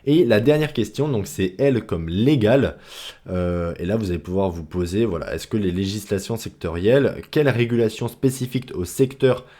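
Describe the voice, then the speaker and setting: A man's voice: lowish voice, moderate pace, mellow. A man giving a casual lesson on analysing stocks, chatty, full of fillers and slang. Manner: chatty, many fillers like "bah" and "hein", informal slang. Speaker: stock investing educator.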